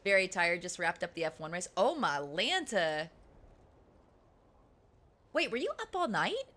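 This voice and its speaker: A woman streamer chats casually with her live audience, giggling and laughing often. Her bright voice swings widely and lively in pitch. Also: fast talker. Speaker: game streamer.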